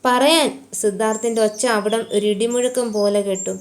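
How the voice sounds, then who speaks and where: A woman narrating a romance story with steady, dramatic delivery. Her voice sits somewhat higher than usual. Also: moderate pace, slight background noise.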